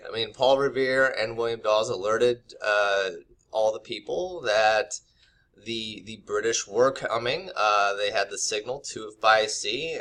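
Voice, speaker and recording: A male history teacher with a medium-pitched, sharp voice gives an unscripted lesson to camera, loose and conversational with many fillers and restarts. He is recorded on the camera mic.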